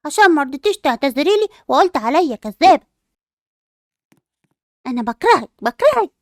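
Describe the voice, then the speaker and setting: A woman's voice: high voice, expressive, normal speed, a bit bright, dry recording, studio quality. A woman with an Egyptian accent voicing a spoiled, jealous and vengeful schoolgirl who talks in a whiny, defiant way. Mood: spiteful. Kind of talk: amateur role-play dub.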